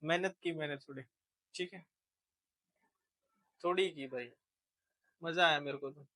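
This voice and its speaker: High, bright-voiced chatty male teacher. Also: unhurried. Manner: chatty, jokey, mixes Hindi with English terms. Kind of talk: casual classroom lecture.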